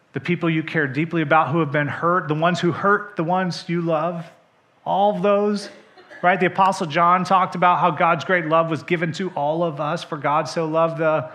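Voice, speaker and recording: Male pastor, sermon, bright tone, slightly high voice, hushed to emphatic. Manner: swings from soft, hushed lines to loud, emphatic ones; speaks straight to the congregation. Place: church sanctuary.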